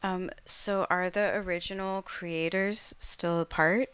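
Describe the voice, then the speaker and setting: A woman's voice: fairly low pitch, steady tone, slow, a bit bright, clean tone, no room sound. A woman interviewing a guest in a casual chat, reacting with enthusiasm.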